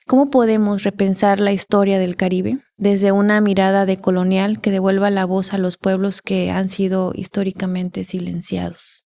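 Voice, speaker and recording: A woman's voice: mid-range voice, level tone, moderate pace, few pauses, dark tone. A woman interviewing a guest on a podcast with prepared, formally worded questions.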